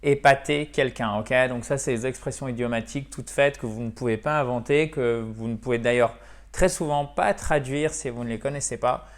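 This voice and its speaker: A man giving a video English lesson in French, explaining verbs and slowly modelling English example sentences. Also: medium pitch. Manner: addresses viewers as dear friends. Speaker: English teacher.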